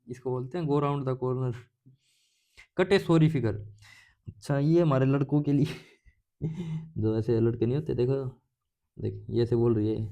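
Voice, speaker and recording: In a casual lecture on English idioms, a man with a mid-range, dark-toned voice and some vocal fry poses questions and answers them himself, tossing in playful jokes as he goes. The audio is dull.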